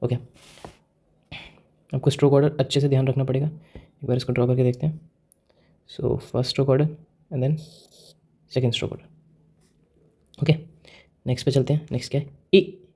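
In a whiteboard lesson given in Hindi mixed with English, a man with an Indian accent teaches Japanese writing step by step and often asks the viewer questions. His voice is warm, mid-range and level, at normal speed with frequent pauses.

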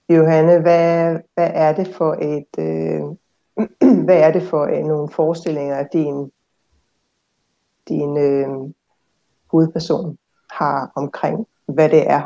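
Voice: medium pitch, gravelly, mellow, muffled recording. A moderator leading a conversation about literature, who talks hesitantly with many fillers.

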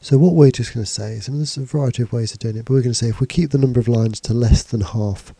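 A male tutor with a cold teaches computing in a screencast, narrating indoors over slides and a screen recording. He sounds stuffy, with a very dark, husky, medium-pitched tone and a dry, close recording. His delivery is relaxed yet halting, with fillers and restarts.

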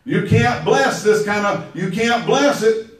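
A pastor preaching an emphatic, storytelling sermon and calling on his listeners. His voice is high for a man. It rings out across a very echoey church sanctuary, picked up by a mic some way off. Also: unhurried. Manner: emphatic, call-and-response, storytelling. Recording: very echoey hall, mic far off.

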